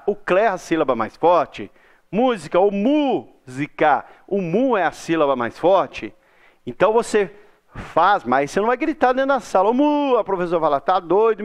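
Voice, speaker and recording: High, smooth-voiced Brazilian teacher. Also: male voice. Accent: Brazilian Portuguese. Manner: chatty, stretches example words slowly. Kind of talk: recorded classroom lesson.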